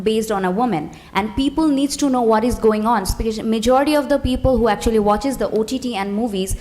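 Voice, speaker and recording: A woman's voice: on the high side, a little mellow. A woman from Bangladesh, an actor speaking fluently and with emphasis on a festival panel. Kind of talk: panel discussion.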